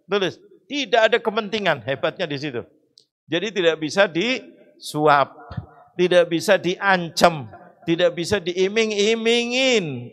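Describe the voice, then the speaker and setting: A man preaching a sermon in a mosque. He asks his own rhetorical questions, chants Arabic verses and prayers, and rises to loud emphatic cries. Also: high-pitched. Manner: rhetorical questions answered himself.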